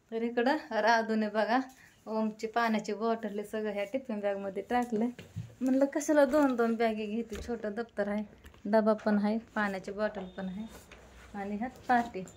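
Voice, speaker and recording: A woman's voice: mid-range voice, a little hiss or hum. Chatty mother telling her morning. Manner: chatty storytelling, quoting herself and her children. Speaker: vlogger and mother. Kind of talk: casual home vlog narration. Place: home.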